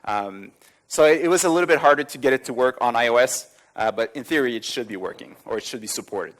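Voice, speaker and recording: A man's voice: medium pitch, quick pace, fairly bright tone. A man giving a live tech conference talk with demos, casual and filler-heavy, often chuckling between points. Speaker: conference speaker. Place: conference hall with audience.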